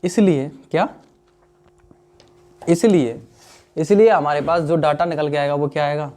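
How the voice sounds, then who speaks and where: A man's voice: on the high side, measured pace, a little mellow. A young man, teaching a maths lesson in a chatty way, often checking whether students understood. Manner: chatty, addresses students as "dear friends", asks "understood or not?". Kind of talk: classroom lesson explaining solutions.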